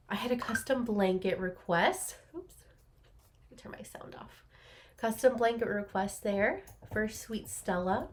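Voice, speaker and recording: Chatting solo to camera, this young craft podcaster speaks at a medium pitch, stuffy from allergies and filling gaps with lots of ums. She records in a small home office on her laptop's built-in mic, with slight background noise.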